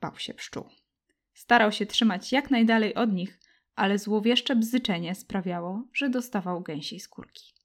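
A woman reading a children's story aloud with gentle, expressive narration. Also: mid-range voice, moderate pace. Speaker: audiobook narrator.

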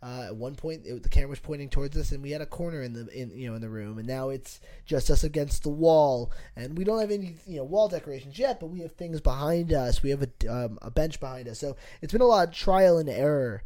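A man's voice: a little high, expressive, quick pace, few pauses, warm tone. A man co-hosting a casual podcast, talking loosely with many fillers and restarts. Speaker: podcast co-host. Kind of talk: casual chat.

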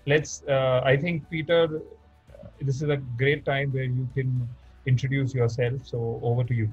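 Male interviewer, husky, polite and hesitant, muffled recording with faint music. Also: mid-range voice, level tone, a little slow. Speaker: host. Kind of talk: interview hosting.

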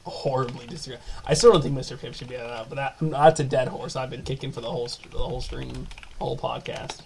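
Gravelly-voiced man chatting casually. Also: medium pitch, fairly even intonation, fast, a little mellow. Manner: hesitant, repeats words, laid-back. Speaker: podcast co-host. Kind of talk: casual chat.

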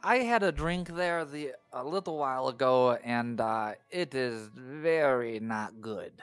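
A man playing a tabletop game, polite and halting, with many fillers. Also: medium pitch, expressive, clean tone, dry recording, faint music behind. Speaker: player. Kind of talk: casual tabletop game chat.

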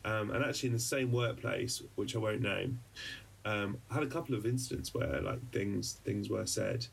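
A man's voice: lowish voice, normal speed, vocal fry, husky, far from the mic. A man co-hosting a podcast, telling a personal story in a rambling, hesitant way with many restarts. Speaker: podcast co-host; journalist. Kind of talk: casual conversational storytelling.

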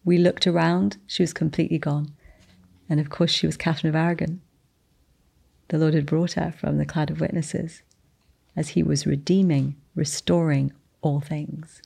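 A woman earnestly telling a testimony of a spiritual encounter, with restarts and slowed, emphatic phrases. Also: fairly low pitch, gravelly, mellow. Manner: descendant of the Boleyn family telling a spiritual encounter. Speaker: guest sharing a testimony. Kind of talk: storytelling testimony.

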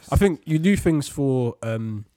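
Animated young London roadman. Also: medium pitch, takes it slowly, no room sound. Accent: London, urban roadman slang. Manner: animated, slangy, emphatic, swears freely. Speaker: podcast host. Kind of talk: casual banter and opinion chat.

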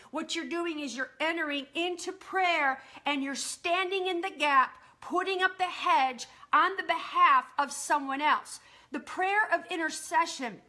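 High, bright-voiced woman preacher. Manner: fast, earnest preaching with scripture quotes. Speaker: preacher teaching on prayer. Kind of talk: live-streamed sermon teaching. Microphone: streaming live.

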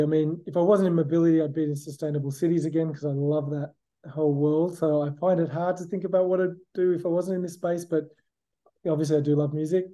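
A middle-aged Australian man with a fairly high, mellow voice appears as an interview guest. He answers reflectively and conversationally, often saying "you know" and "look."

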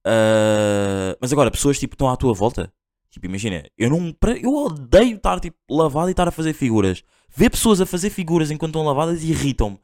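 A young podcast host with a European Portuguese accent tells a story in a casual, rambling monologue full of slang, fillers and restarts. His voice is fairly high, expressive and darkish, and he speaks at a quick pace.

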